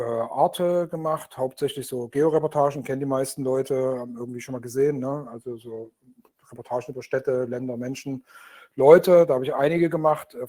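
A man's voice: mid-range voice, mellow. A man from Dresden, a guest speaking casually over a video call from home, rambling with many fillers. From Dresden, Germany. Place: home in Berlin.

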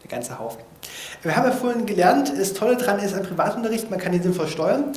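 A man with a notably high voice gives a relaxed, informal talk in front of an audience. He jokes at his own expense and drops slangy asides. The sound carries a roomy echo from the hall. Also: fast, a little hiss or hum. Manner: lively, casual and self-mocking, with slangy asides. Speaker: speaker giving a talk on language learning.

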